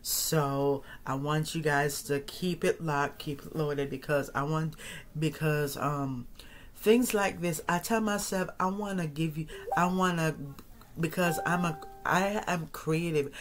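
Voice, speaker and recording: A man in his thirties hosts his own podcast, speaking slowly in a fairly bright, higher voice with a steady tone. His casual solo monologue to the audience rambles, with repeated phrases and frequent restarts.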